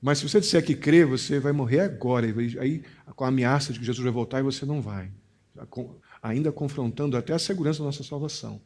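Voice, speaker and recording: A man with a Brazilian Portuguese accent, a pastor preaching a sermon, stressing key phrases and then dropping to a quiet, confiding tone. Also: medium pitch, fast.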